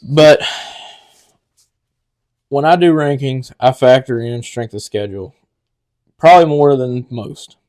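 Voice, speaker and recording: A man's voice: medium pitch, takes it slowly, long pauses, a little mellow. A man co-hosting a sports podcast, arguing his opinions on rankings with confidence. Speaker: podcast co-host. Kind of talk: casual sports talk.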